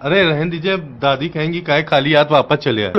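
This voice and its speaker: A man's voice: fairly high pitch, fairly quick. A young man playing a customer in a comic phone sketch, rattling off long shopping lists and repeating a cheeky catchphrase. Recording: dull lo-fi audio.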